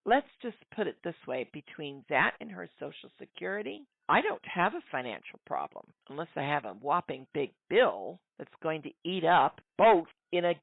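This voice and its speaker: A woman's voice: fairly low pitch, gravelly, no echo. A middle-aged woman giving a sarcastic political commentary monologue, often calling her listeners folks. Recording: dry, tinny phone-like sound.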